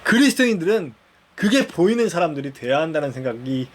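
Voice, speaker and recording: A man's voice: fairly high pitch, big pitch swings, brisk. A man preaching a sermon in a conversational storytelling way, acting out bits of dialogue and putting questions to the listeners. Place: church.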